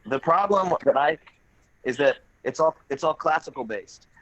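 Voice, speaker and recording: A man's voice: on the high side, lively intonation, normal speed, fairly bright tone. A man who is a guest musician, speaking over a video call, often restarting and searching for words. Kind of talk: casual interview chat. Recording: muffled, choppy video call audio.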